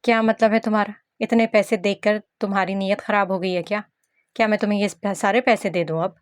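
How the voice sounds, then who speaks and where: A woman's voice: medium pitch, steady tone, fairly quick, no echo, studio quality, close to an everyday voice. A woman voicing an exasperated twenty-year-old man, indignant and flustered.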